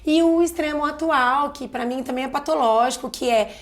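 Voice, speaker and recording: A woman's voice: sits high, normal speed. A woman in her thirties with a Brazilian Portuguese accent, a pediatrician guest speaking candidly and expressively in a casual podcast conversation.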